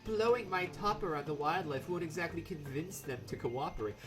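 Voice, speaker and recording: A man voicing a sophisticated American woman photographer with an American accent, reading journal entries from a game in a measured, prim way. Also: on the high side, over music, close to an everyday voice.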